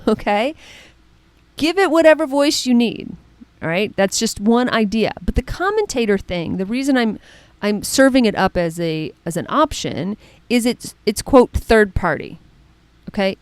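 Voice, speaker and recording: A middle-aged woman coach giving a casual spoken lesson, chatty and animated, often checking in with "right?" and "okay?". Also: fairly high pitch, moderate pace, smooth, dry recording. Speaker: mental performance coach.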